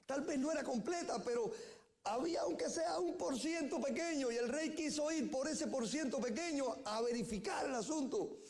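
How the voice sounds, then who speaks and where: A man's voice: very high-pitched, moderate pace, a little mellow. A male pastor preaching a sermon, telling the story with repeated key phrases. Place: church.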